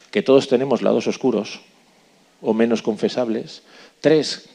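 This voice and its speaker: A man's voice: mid-range voice, dark tone. A man giving a live workshop talk, asking the audience questions and checking in with "¿vale?" often. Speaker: workshop speaker.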